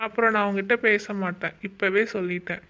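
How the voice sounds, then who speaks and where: Bossy cartoon older brother. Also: male voice, high-pitched, steady tone, a little fast, sharp tone, lo-fi sound. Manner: bossy, commanding. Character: young man, bossy older brother, scheming. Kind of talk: cartoon voice acting.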